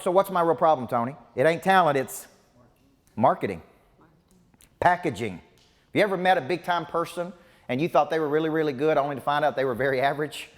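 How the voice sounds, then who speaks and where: In a large hall, a man in his forties with a fairly high voice runs a motivational business coaching seminar for a live audience. His delivery is emphatic and punchy, full of repetition.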